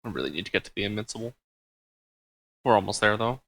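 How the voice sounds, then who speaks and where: A man's voice: fairly low pitch, lively intonation, fast talker, vocal fry, fairly bright tone. A man hosting a let's play, giving casual gameplay commentary and thinking aloud with frequent ums and uhs.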